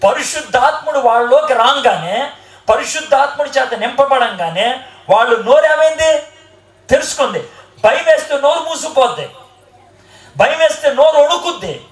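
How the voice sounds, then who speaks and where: High-voiced man preaching in an echoey hall. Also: normal speed, long pauses. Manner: lively, quizzes the audience and jokes with them. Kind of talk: sermon. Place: hall with an audience. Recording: roomy echoing hall.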